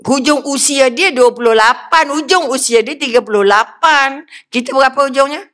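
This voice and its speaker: An older woman with a Malaysian Malay accent giving a lively religious lecture, often putting questions to her audience. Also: high-pitched, normal speed. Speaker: religious speaker.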